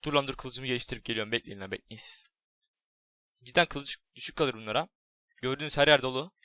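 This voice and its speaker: A young man narrating his game play in a loose, excitable way, cracking jokes and swearing now and then. His voice sits at an ordinary middle pitch and comes through a close mic in a dry, dead room. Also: fast, smooth, no room sound. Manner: excitable, jokey, swears, talks to his pet. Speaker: gaming YouTuber. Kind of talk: casual Minecraft let's play commentary.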